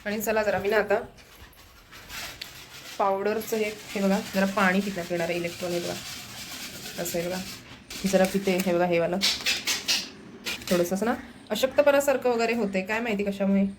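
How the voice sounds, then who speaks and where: A family vlogger chats casually as she films her home on a handheld phone, moving from room to room indoors and directing viewers to what she's doing. Her medium-pitched voice barely varies in tone, moving at a moderate pace with frequent pauses. The background is noisy.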